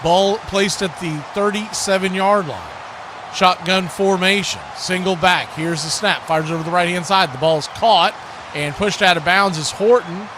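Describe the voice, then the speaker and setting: A man with a high-sitting voice hosts a livestream at a normal speed, calling football play-by-play and chatting casually with his viewers. Background noise can be heard.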